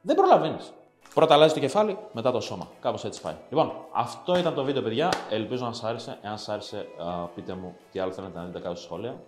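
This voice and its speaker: A man's voice: fairly low pitch, expressive. Blunt, swearing male fitness vlogger. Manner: crude, profane, repeats phrases for emphasis. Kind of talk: blunt scolding monologue to viewers. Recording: roomy echo with faint background music.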